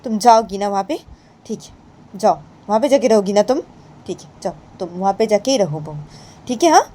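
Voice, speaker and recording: A woman voicing a stern middle-aged aunt who scolds loudly and sarcastically, repeating herself. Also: mid-range voice, normal speed, slightly rough. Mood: sarcastic scolding. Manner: loud, repetitive scolding.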